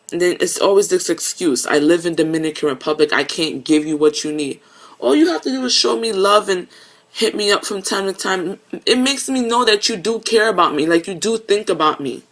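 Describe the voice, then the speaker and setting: A woman speaking to camera in an emotional confessional video message, earnest and halting, often stumbling over her words. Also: fairly low pitch, a bit bright. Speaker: vlogger.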